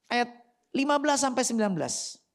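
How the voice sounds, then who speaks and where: A woman pastor, preaching an animated, slangy sermon full of rhetorical questions. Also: a little high, fairly quick. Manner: slangy and conversational in the pulpit.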